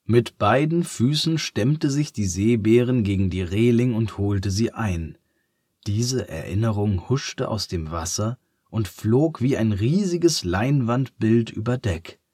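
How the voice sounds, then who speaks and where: A man narrating a children's story in a calm, measured reading voice. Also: lowish voice, breathy edge, no room sound, studio quality.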